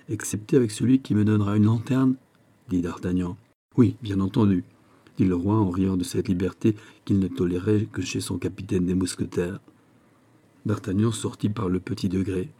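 A man reading a classic novel aloud as an audiobook narrator, shading the dialogue with small shifts of pitch and level but no full character voices. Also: dark tone.

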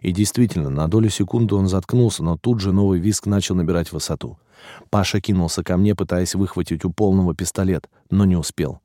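A male audiobook narrator reading a first-person story in a steady, even way. His voice is very deep and mellow. The recording is dry and close, with no room around it. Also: brisk, no echo.

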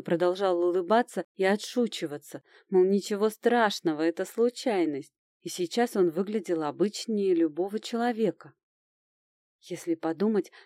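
Женщина размеренно читает аудиокнигу от первого лица. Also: female voice, lowish voice, mellow, no echo, studio quality. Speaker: audiobook narrator. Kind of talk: scripted narration of a fantasy novel.

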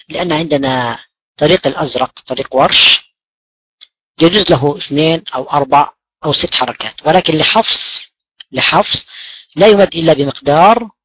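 A man's voice: on the high side, a bit bright, slightly rough, no echo. A man teaching Quran recitation rules, patiently posing questions and answering them himself, repeating key words. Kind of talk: explaining tajweed rules. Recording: dull lo-fi dry recording.

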